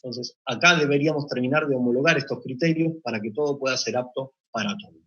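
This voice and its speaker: A man delivers a technical conference presentation in a husky, slightly breathy voice of middling pitch. He explains step by step in a measured way, pausing now and then to find a word. The recording sounds dull and lo-fi. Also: fairly bright tone. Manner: measured, explanatory, occasional hesitations. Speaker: meat plant deputy manager presenting.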